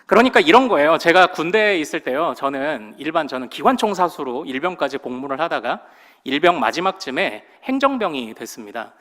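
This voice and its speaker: A man preaching a sermon as pastor, telling stories with lively delivery and acting out the voices of the people he quotes. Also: on the high side, fairly quick. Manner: animated storytelling, acts out quoted voices. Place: church sanctuary. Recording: long hall reverb in a church.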